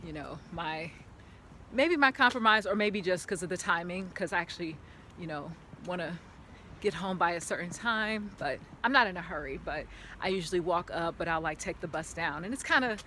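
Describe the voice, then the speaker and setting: This woman's voice sits on the low side with a fairly bright tone, and there's a little hiss or hum. She's vlogging into a handheld camera while heading uphill on a park path outdoors, rambling chattily and packing her talk with "like."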